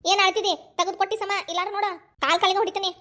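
A strict young cartoon mother, played by a woman with a North Karnataka Kannada accent. She scolds briskly in a very high voice, words tumbling out fast. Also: little pitch movement, bright, forceful tone. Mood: scolding. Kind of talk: cartoon voice acting.

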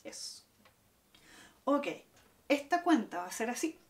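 A woman's voice: sits high, big pitch swings, measured pace, background noise. A woman teaching a guitar lesson, explaining step by step and counting out the strums. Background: acoustic guitar playing.

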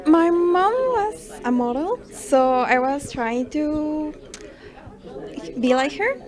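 Hesitant high-voiced young woman. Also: expressive, takes it slowly. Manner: hesitant, giggly, many fillers. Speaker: model interviewee. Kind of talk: nervous casual answers. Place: indoor event room. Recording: noisy crowd chatter behind.

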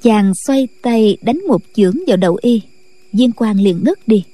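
Warm-voiced woman reading a martial-arts tale. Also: medium pitch, normal speed, no echo. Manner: steady, even storytelling. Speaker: audiobook narrator. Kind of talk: scripted late-night story narration.

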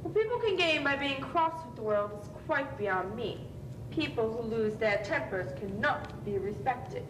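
A woman's voice: a little high, animated, normal speed, reverberant, close to an everyday voice. Wealthy, domineering old aunt, played by a woman in a stage drama, imperious tycoon manner, distant and noisy recording. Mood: scolding. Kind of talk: amateur stage play acting. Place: theatre stage, indoors. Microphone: far camera.

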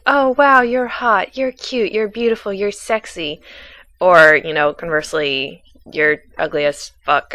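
Hoarse young woman rambling casually. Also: lowish voice, bright, forceful tone. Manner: rambling, self-deprecating, many ums and restarts. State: hoarse from a cold. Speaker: YouTube Let's Play creator. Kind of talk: casual Q&A voice-over.

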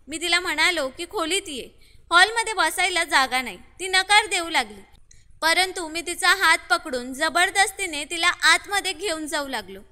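A woman narrates a scripted first-person story in a steady, even reading with no fillers. Her voice sits very high and sounds sharply bright. A long hall reverb trails behind every line.

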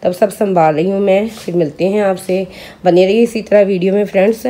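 A woman with a warm, mid-range voice speaks fairly quickly and in a steady tone. In her thirties and nursing a sore throat, this mother vlogs around her kitchen and rooms with a handheld phone. She's chatty and speaks to viewers like friends.

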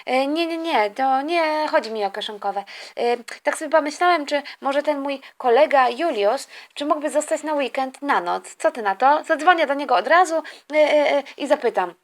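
A woman voicing an eager, excitable young boy in a toy-figure story, chatty and stumbling over her words. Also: high voice, normal speed, lightly acted.

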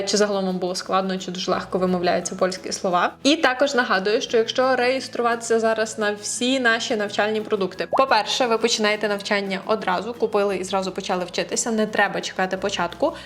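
Woman, language teacher for a video lesson; friendly, over-enunciates tricky words slowly, mid pitch. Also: a little hiss or hum. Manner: slow, careful over-enunciation of hard words; chatty and encouraging with viewers.

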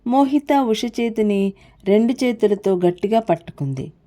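Woman reading a novel aloud, mellow and steady, story narration. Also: mid-range voice, unhurried. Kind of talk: scripted narration.

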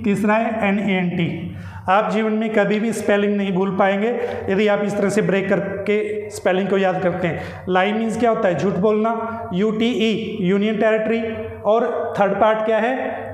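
A man teaching English as a lesson, explaining slowly, repeating key words and asking and answering his own questions. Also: high voice. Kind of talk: classroom-style lesson. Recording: echoey room with long reverb.

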